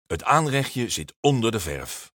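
A man narrating a children's storybook with an expressive, lively delivery. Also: medium pitch, a little slow, dry recording, studio quality.

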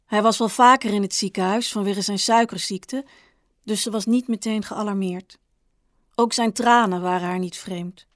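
Woman, author narrating own story, measured, understated, dry studio sound. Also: medium pitch, steady tone, fairly bright tone, no room sound. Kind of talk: audiobook narration.

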